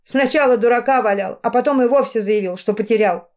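A woman's voice: fairly high pitch, a little fast, a little mellow, natural voice. A woman voicing an emotional middle-aged mother who pleads and flares up in anger. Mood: indignant. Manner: pleading, agitated outbursts.

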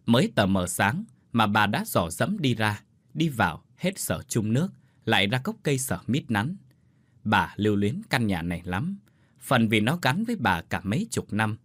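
A man narrating a scripted ghost story with an expressive, dramatic delivery. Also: fairly low pitch, no echo, studio quality.

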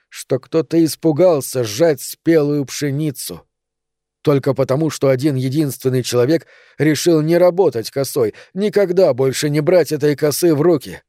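A man reads a literary story aloud in a measured, dramatic way, letting long pauses hang between phrases. His voice is dark and mellow, and it sounds dry and close with little room around it. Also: mid-range voice, dry recording. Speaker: audiobook narrator. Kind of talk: scripted literary narration.

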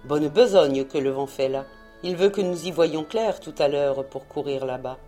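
A woman's voice: low-pitched, normal speed, dark tone, faint music behind, pitched below the performer's own voice, close to an everyday voice. A woman voicing a young male sea captain, passionate and brooding, speaking with fervent tenderness. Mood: calm resolve.

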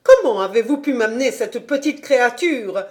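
A woman voicing a stern, prim middle-aged governess who asks sharp, indignant questions in a storybook reading. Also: a little high, sing-song, unhurried, pitched above the performer's own voice.

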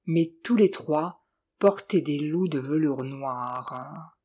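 A narrator reading a novel aloud in an even, measured way. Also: mid-range voice, breathy edge. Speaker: audiobook narrator.

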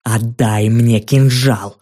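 A man voicing a huge, vain fiery female giant who roars slow threats, in an audiobook reading. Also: mid-range voice, fairly even intonation, dark tone. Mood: menacing.

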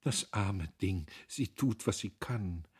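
A man's voice: sits low, animated, takes it slowly, breathy edge, full character voice. A man voicing a haughty aristocratic countess who speaks in a lofty, disdainful, affected way.

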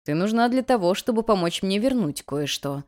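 A woman voicing a proud, quick-tempered male werewolf king in an audiobook, using a lowered, gruff growling tone. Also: expressive, a little mellow, close to an everyday voice. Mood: insistent.

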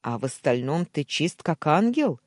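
A cold young man, played by a woman reader, mocks his foe in slow, deliberate words. The voice is husky and low, with wide, lively swings in pitch. He is the hero of a dramatic storybook reading. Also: no echo, studio quality, heavily acted.

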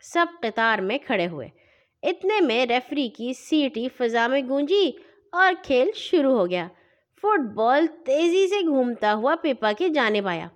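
A woman reading a children's story aloud in an expressive, lively way. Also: high-pitched.

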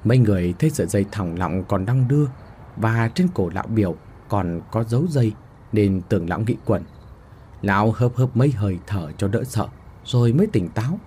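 A man narrating a horror story with expressive storytelling delivery. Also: lowish voice, fairly quick, slight background noise.

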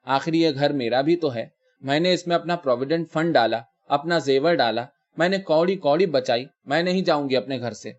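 A distraught middle-aged wife pleads and cries out against being sent from her home, as a man reads her lines in a story. The voice sits a little high, and the reading has a dull, lo-fi sound. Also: natural voice. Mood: pleading. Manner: pleading, hysterical outbursts.

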